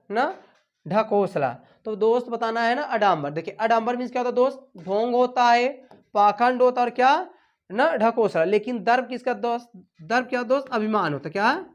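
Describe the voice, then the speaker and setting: A woman with a slightly high voice leads an exam-prep lesson. She questions her students and repeats each answer back as a drill, her phrases trailing off quietly at the ends. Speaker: Hindi teacher.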